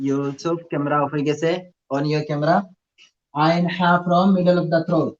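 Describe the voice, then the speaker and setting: Speaking slowly in a fairly high, darkish, steady voice, a man with a Sylheti accent patiently drills sounds in a live online Quran recitation class, mixing in English. The video call audio sounds dull and lo-fi.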